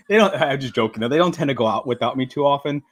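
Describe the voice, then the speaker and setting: A middle-aged man rambles through a casual live-stream chat. His pitch sits in an ordinary middle range. He talks in loose, friendly stretches full of fillers and now and then speaks with his mouth full. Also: animated, fast talker. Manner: rambling, chatty, with frequent fillers; talks while eating. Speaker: livestream host.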